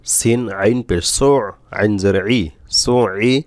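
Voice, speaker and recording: A man teaching Quran reading, spelling out letters and syllables slowly with frequent pauses. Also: lowish voice, a little mellow, dry recording, studio quality. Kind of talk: step-by-step spelling lesson.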